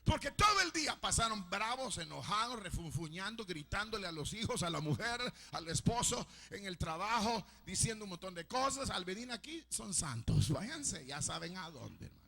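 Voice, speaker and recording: A Salvadoran pastor preaching a fiery sermon in a very high, husky voice that climbs and falls across a lively range. His tone is sharp and bright, and he keeps bursting into shouts. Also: moderate pace. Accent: Salvadoran Spanish. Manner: preaching with frequent shouted outbursts.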